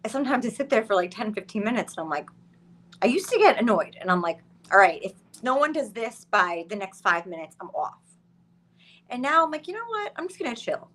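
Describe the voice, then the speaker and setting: A woman's voice: a little high, fairly bright tone. A woman in her late thirties, a podcast guest, chatting casually and laughing often. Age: late 30s. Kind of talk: casual chat.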